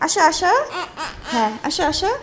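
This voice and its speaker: High-voiced mother coaxing her toddler. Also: expressive, fairly quick, very noisy. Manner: coaxing, sing-song talk to a toddler; chatty asides to viewers. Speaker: mother filming her daughters. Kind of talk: casual home vlog. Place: at home.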